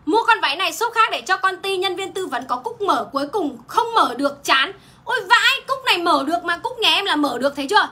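A young woman hawks clothes on a livestream, talking quickly with a high, bright voice. She chatters on and exclaims often. Faint room ambience sits behind her. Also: lively intonation. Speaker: online clothing seller. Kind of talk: livestream sales pitch. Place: indoor home shop.

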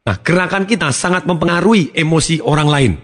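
A man giving a motivational talk, acting out examples of tone with big swings in pitch. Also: brisk. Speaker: motivational speaker.

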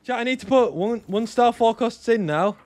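A young man streaming a strategy game, chatting to his viewers, excitable, repeating himself and bursting into shouts and laughter. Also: extremely high pitch, brisk, no echo, faint music behind. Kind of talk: live gameplay commentary to chat.

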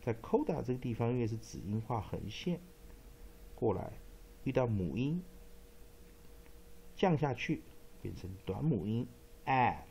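Gravelly, animated male phonics teacher. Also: medium pitch. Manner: explanatory, repeats words slowly for emphasis. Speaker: English pronunciation teacher. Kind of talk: classroom-style phonics lesson.

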